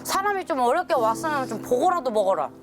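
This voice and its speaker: A woman's voice: high-pitched, big pitch swings, fast. A woman, the daughter in a documentary, talking informally and emotionally with her father. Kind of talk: casual family talk.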